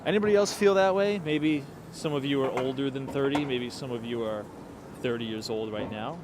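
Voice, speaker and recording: Walking outdoors through a cold city at night, a late-twenties man chats with livestream viewers in a medium-pitched, fairly quick voice. He thinks aloud with plenty of fillers, against a backdrop of street noise.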